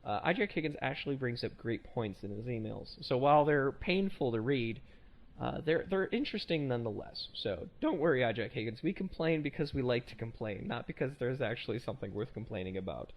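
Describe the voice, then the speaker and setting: A man's voice: mid-range voice, expressive, fairly quick, lo-fi sound. A man hosting a casual podcast, rambling and self-correcting with a joking tone. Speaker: podcast host.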